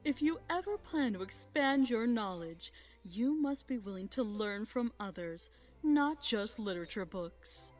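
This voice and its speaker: Woman voicing Princess Celestia, regal lively pony mentor. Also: fairly high pitch, faint music behind. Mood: kind, firm. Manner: measured, formal, gently admonishing. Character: regal kindly princess mentor, a magical pony, patient and gently firm. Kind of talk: dramatic fan-fiction audio reading.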